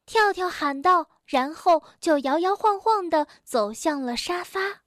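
A woman reading a children's story aloud to kids, gentle and unhurried. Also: extremely high pitch, animated, no echo, clean studio sound.

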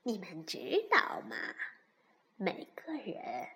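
A woman voicing a kind, gentle old granny bear who speaks in a soft, breathy half-whisper. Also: medium pitch, wildly swooping pitch, takes it slowly, voice pushed down, full character voice.

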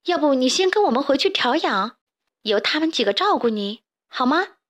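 A woman voicing a calm but firm hen who lectures the chicks, in a children's storybook. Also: high-pitched, moderate pace, pitched above the performer's own voice.

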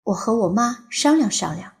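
A woman's voice: mid-range voice, lively intonation, normal speed, close to an everyday voice. A woman voicing an eager grown man courting a woman, pleading and easily flustered, in an audiobook. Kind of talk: audiobook character voice.

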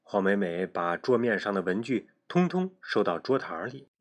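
A father reading a children's story aloud with an expressive, animated delivery. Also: lowish voice, normal speed.

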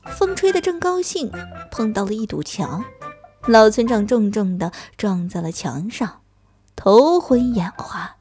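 A woman telling a children's story in a gentle, sing-song narration. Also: medium pitch, big pitch swings, measured pace, soft background music.

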